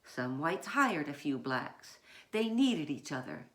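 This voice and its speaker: A woman author reads her own children's picture book aloud in deliberate short phrases, leaning dramatically on key words. Her voice is low and very animated.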